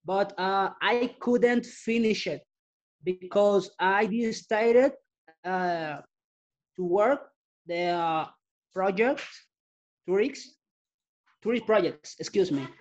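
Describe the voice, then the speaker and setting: A man from the Dominican Republic, a student in an online English class, speaking halting English with pauses and fillers. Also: high-pitched.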